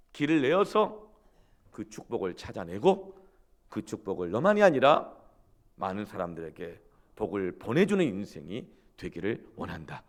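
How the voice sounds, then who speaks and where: A male pastor from South Korea preaching a sermon in an emphatic storytelling manner. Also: fairly low pitch.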